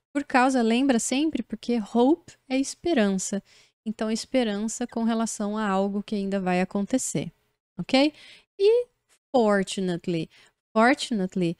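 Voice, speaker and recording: Brazilian woman, online English teacher; unhurried, patient explainer with a smooth, clear voice. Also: a little high, darkish tone, no room sound, studio quality. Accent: Brazilian Portuguese. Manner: slow, patient explaining with frequent checks like "né?" and "ok?".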